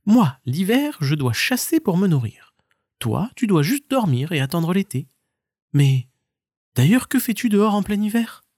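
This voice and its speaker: A man's voice: high-pitched, very animated, unhurried, a little mellow, no echo, clean studio sound, voice pushed up, heavily acted. A man putting on a chirpy friendly young stoat. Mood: eager, friendly. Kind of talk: children's storybook reading.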